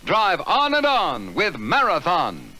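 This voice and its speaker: A man announcing a vintage radio commercial in a bright salesman's delivery, heard as an old recording. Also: sits high, huge pitch swings, takes it slowly, background noise.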